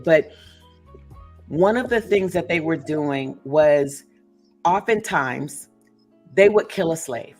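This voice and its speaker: Female host, fairly low voice, emphatic storyteller with asides, faint music underneath. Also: darkish tone, slightly rough. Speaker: podcast host and author. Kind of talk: casual discussion.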